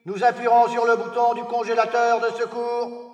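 A high, flat, commanding male voice , as an actor plays it, barks orders from a hidden loudspeaker in a storybook recording. He speaks in slow, measured, threatening words. The sound is distant and echoes through a long hall, with music underneath. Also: dull audio. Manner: stern, commanding, slow and deliberate. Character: menacing male voice of mission control over a loudspeaker.

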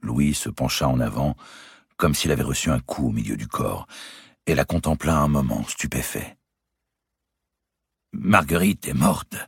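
Deep, gravelly male audiobook narrator. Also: normal speed, dry recording, studio quality. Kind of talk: scripted narration of a historical novel.

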